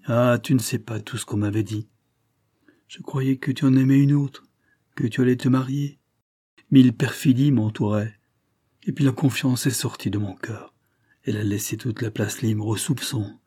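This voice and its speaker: A man's voice: mid-range voice, warm tone, breathy edge, no echo, clean studio sound, lightly acted. A man voicing a vehement, impassioned society lady. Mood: pleading. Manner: impassioned, pleading then scornful and vehement. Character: passionate young society woman, desperate then bitter. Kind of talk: audiobook character reading.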